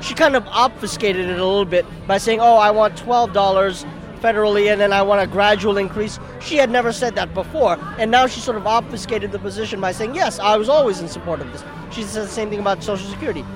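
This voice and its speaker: A man's voice: high-pitched, fast, music in the background, crowd noise. A man born in Bangladesh and raised in Brooklyn, giving a detailed, critical view during a street interview. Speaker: voter.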